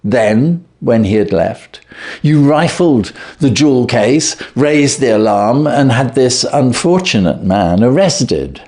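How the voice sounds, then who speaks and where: A man reading aloud and voicing a stern, clever detective who calmly accuses a thief. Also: mid-range voice. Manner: stern, cutting, measured. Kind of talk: reading a classic story aloud.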